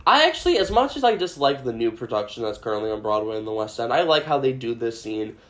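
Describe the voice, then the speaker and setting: A man in the middle of a podcast, talking casually and at length. His pitch sits in an ordinary middle range as he rambles excitedly, circles back and drops the odd swear. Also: fast. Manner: many fillers and restarts. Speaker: podcast host. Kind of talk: casual chat.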